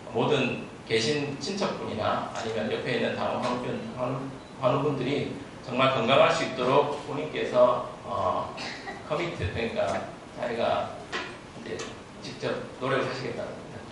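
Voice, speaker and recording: A man interpreting consecutively at a medical lecture, speaking haltingly, restarting phrases and dropping English terms into his sentences. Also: mid-range voice. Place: large echoing room at a talk. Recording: very echoey room, distant mic, faint noise.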